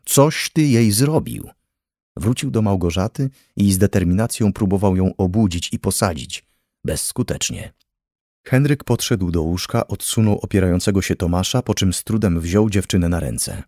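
A man narrating an audiobook thriller with a measured, tense reading. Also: deep voice, mellow, dry recording, clean studio sound. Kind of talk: scripted narration.

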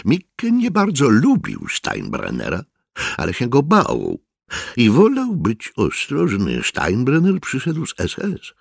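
Mężczyzna czytający powieść jako lektor, spokojnie i z namysłem. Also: male voice, mid-range voice, wildly swooping pitch, gravelly, breathy edge, no echo, clean studio sound. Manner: measured storytelling. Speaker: audiobook narrator. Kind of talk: scripted narration.

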